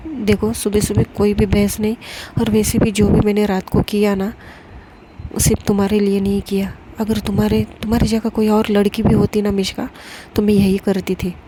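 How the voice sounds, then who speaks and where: Sam is a guarded young woman, as a woman storyteller puts her on, curt and dismissive in this audio story. She speaks in an even, level tone with little swing. Hiss and clicks run behind the voice. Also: medium pitch, natural voice. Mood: defensive. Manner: curt, dismissive, quick to anger. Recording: noisy recording with clicks.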